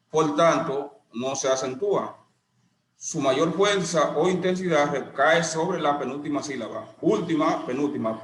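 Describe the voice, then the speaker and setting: A middle-aged man teaching a lesson, explaining slowly and deliberately with a few restarts. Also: on the high side. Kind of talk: classroom lesson. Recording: echoey room with faint ambience.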